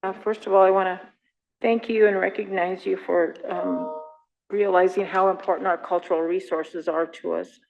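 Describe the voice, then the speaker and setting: A woman's voice: on the low side, steady tone, normal speed, vocal fry, highs cut off, slight background noise. A woman council member giving earnest, rambling remarks at a meeting.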